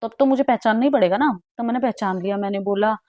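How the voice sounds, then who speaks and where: A young woman recounting a personal story in a casual, animated way, with exclamations and English words mixed into her speech. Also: fairly high pitch, fast talker, no room sound, dull audio.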